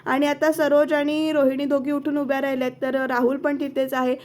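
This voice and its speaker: A woman's voice: sits high, flat delivery, fairly quick, a little mellow. A woman reviewing a TV serial episode, retelling the scenes and quoting the characters' lines while she speaks directly to her viewers.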